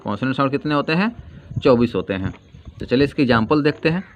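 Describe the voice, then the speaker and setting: A male grammar teacher giving a lesson, asking questions and answering them himself and repeating key terms slowly. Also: medium pitch, lively intonation. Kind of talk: classroom-style grammar lesson. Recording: dull lo-fi sound with faint noise.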